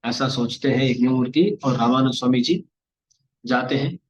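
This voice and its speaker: A man telling a devotional story of a saint in a lively discourse, acting out the dialogue. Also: medium pitch, normal speed. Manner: animated, acts out dialogue of saints and God. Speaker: religious storyteller. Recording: muffled lo-fi recording.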